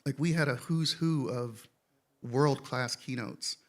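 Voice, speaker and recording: A man who organizes a security conference, speaking on a live panel in a relaxed, self-deprecating, rambling way. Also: medium pitch, slow. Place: conference stage, live audience.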